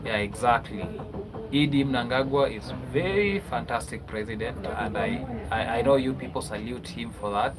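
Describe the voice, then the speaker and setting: A man's voice: medium pitch, normal speed, crowd noise, poor audio. A man with a Kenyan accent hosting a casual livestream, chatty, often ending phrases with a questioning "yeah?". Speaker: livestream host.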